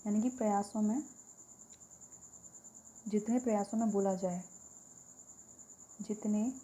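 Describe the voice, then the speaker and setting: A woman teaching an exam-prep lesson, explaining step by step, repeating key words and reading English examples slowly. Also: mid-range voice, warm tone, rough recording.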